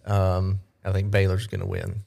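A man's voice: low voice, completely flat delivery, moderate pace, creaky, dark tone. A man in casual podcast chat, sharing his takes in a dry, matter-of-fact way.

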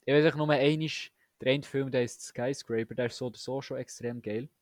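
A man's voice: mid-range voice, steady tone, brisk, dry recording, clean studio sound. A young man co-hosting a casual podcast chat, talking eagerly with slang and many restarts. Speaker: podcast co-host.

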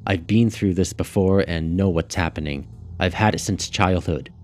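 A man voicing a reserved, withdrawn wife who speaks in a flat monotone in an audiobook. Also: sits low, normal speed, close to an everyday voice.

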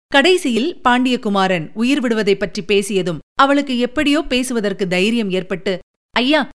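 A woman narrating a story in a measured, even storytelling manner. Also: medium pitch. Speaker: audiobook narrator.

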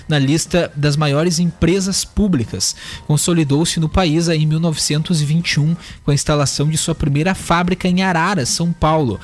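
A man presenting on a radio show, reading out facts steadily and dropping small fillers between phrases. His voice sits a little high. Faint music plays under the talk. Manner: steady, fills with "né" and "aí". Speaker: radio show host reading history notes. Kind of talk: casual radio chat with read-out facts. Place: radio newsroom studio.

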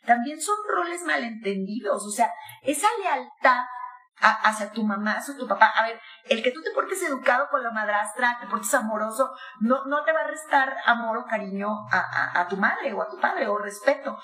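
A woman in her sixties giving conversational advice as a guest, animated, acting out quoted voices. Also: on the high side, normal speed. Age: 60s. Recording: echoey room.

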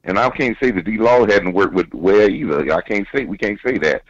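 A football coach phones in for some casual sports chat, repeating words as he builds toward his point. His voice is fairly low, expressive and brisk, carried over a dull, dry phone line with no room sound.

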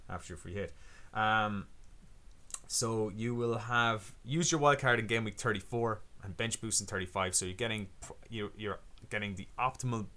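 A man's voice: fairly low pitch, moderate pace, bright, forceful tone. A man co-hosting a podcast, explaining fantasy football plans step by step in casual chat, often restarting his sentences. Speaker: podcast co-host.

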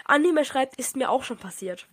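A woman's voice: high-pitched, expressive, moderate pace, slightly rough, dry recording. A teenage girl co-hosting a casual podcast, chatty and teasing, full of slang, saying she is sick. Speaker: podcast co-host.

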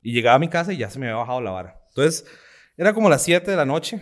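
A young comedian from Costa Rica, appearing as an interview guest, speaks very fast in a mid-range voice. He tells personal stories with lively energy, acting out quotes in different voices and laughing a lot.

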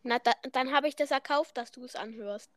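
A young woman co-hosting a casual podcast while gaming, excitable and shrieking at the game. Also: sits high, moderate pace, dry recording, clean studio sound. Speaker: podcast co-host.

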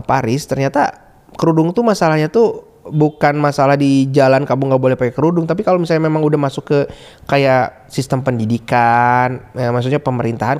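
A man co-hosting a casual podcast chat, relaxed and a little hesitant. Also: mid-range voice. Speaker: podcast co-host.

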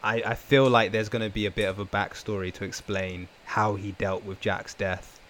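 Low-voiced man with roadman slang. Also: flat delivery, normal speed, fairly bright tone, a little hiss or hum. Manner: emphatic, repeats phrases. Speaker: podcast panelist. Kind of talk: casual podcast chat.

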